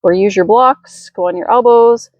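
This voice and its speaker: A woman yoga instructor leading a slow, gentle class in a careful, unhurried way. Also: mid-range voice, no echo, dull audio.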